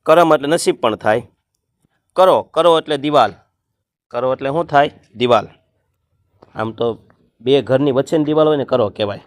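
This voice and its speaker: A man, teaching an exam-prep grammar lesson and explaining word meanings one by one, sometimes chanting a verse slowly. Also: medium pitch, no room sound, studio quality.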